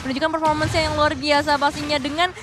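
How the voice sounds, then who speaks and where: A high-voiced Indonesian woman works as co-caster on a live game broadcast. She talks quickly in announcer style, with emphatic, wordy explanations of each play. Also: level tone, over music. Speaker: esports co-caster.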